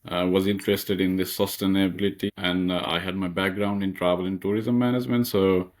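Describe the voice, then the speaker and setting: A young man from Nepal answers interview questions as a master's student. His voice is low. He hesitates often and fills his pauses while he thinks. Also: little pitch movement. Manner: hesitant, many fillers and restarts.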